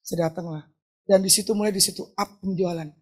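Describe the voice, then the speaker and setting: A middle-aged woman pastor from Indonesia preaching a lively, joking sermon with a personal testimony, often asking the crowd to answer back. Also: lowish voice, fairly quick. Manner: chatty, joking, asks the crowd for replies; acts out quoted talk in shifting voices. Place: church hall.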